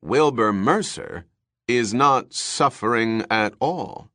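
A man's voice: medium pitch, takes it slowly, a bit bright, no echo, clean studio sound, pitched above the performer's own voice. A man voicing a brash male television host announcing a big discovery. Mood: emphatic. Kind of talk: audiobook character voice.

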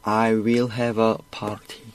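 A man acting as the learner on a radio English lesson, answering drills with slow, careful repetitions. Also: fairly low pitch, monotone, clean tone, no room sound. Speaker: co-host and learner.

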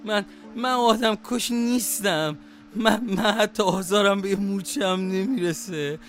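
A man's voice: sits high, a bit bright, faint music behind. An actor playing an older, fatherly taxi driver in an audio drama, pleading and prone to stammer when frightened. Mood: distraught, pleading. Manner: pleading, stammering under pressure.

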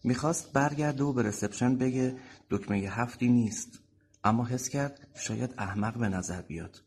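A man narrating a novel excerpt as a calm audiobook reader. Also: mid-range voice, slight background noise. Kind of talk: scripted narration.

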